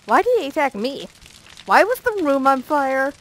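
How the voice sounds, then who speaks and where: A woman narrating a visual novel let's play aloud, her voice slightly high. She reads the story playfully and keeps breaking off for jokey asides. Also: sing-song, moderate pace, rough recording.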